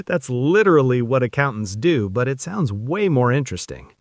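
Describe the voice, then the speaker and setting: Animated, comic American man. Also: mid-range voice, unhurried, no echo, clean studio sound. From United States. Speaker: learner in a lesson dialogue. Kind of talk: scripted conversation lesson.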